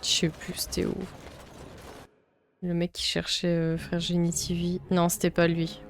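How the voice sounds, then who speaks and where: Her voice is on the low side, monotone and unhurried. She's a young Belgian streamer chatting casually through a video game, thinking out loud and cursing often, with faint game music in the background.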